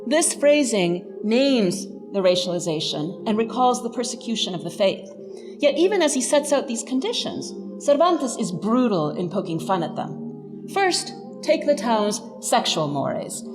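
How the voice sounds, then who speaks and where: A professor delivers a scripted academic lecture in a wry, emphatic manner, her voice on the high side, sing-song and unhurried. The hall is reverberant, with music underneath.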